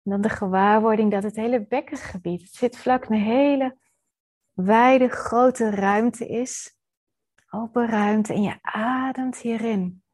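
A woman leading a guided body-scan meditation as a teacher, gently and soothingly with pauses, in a slightly husky, breathy voice. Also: a little high.

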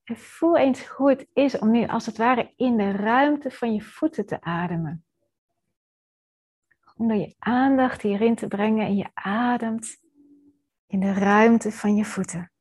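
A woman leading a guided body-scan meditation as a teacher, gently and soothingly with pauses, in a slightly husky, breathy voice. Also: a little high.

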